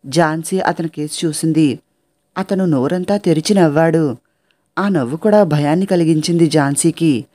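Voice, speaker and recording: A storyteller reading a short story aloud in a steady, even narration, with the characters' dialogue read inside the telling. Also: mid-range voice.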